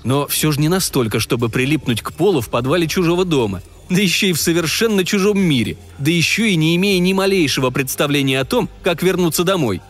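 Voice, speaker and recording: A man voicing an ordinary man who speaks with dry, gentle mockery. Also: a little high, expressive, fast talker, hardly any pauses, faint music behind, pitched above the performer's own voice. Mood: mocking. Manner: dry, mildly mocking. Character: ordinary mocking middle-aged American man.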